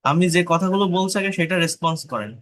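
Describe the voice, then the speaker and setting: A Bangladeshi man teaches an online pronunciation lesson, drilling individual sounds and often stopping to check that his students follow. His voice is bright and sits a little high. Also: animated. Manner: repeats sounds slowly for drilling, asks students if they follow. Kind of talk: online class lecture.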